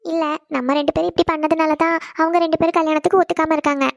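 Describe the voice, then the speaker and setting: A woman voicing an anxious young wife in a cartoon who speaks quickly. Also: very high-pitched, level tone, gravelly, no room sound, clean studio sound. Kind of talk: cartoon voice acting.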